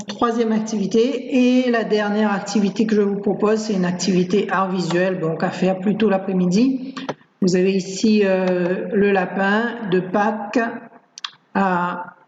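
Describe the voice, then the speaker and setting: A woman's voice: medium pitch, fairly even intonation, measured pace, darkish tone, slight background noise. Woman teacher, screencast explanation, patient, hesitant fillers, roomy echo, dull lo-fi sound. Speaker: primary school teacher. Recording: roomy, dull lo-fi home recording.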